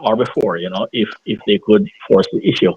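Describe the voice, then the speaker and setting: A middle-aged man, calling in and talking hesitantly with many pauses, his voice muffled as if heard through a wall. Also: lowish voice, big pitch swings, a little mellow, slightly rough. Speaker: caller. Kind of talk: casual discussion. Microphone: phone. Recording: muffled dull call line.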